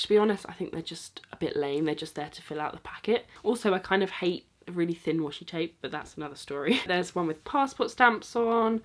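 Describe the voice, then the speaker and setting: A 22-year-old woman with a nasal voice, chatting excitedly and rambling a little as she shows off her presents. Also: fairly low pitch. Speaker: vlogger. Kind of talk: casual chat showing gifts.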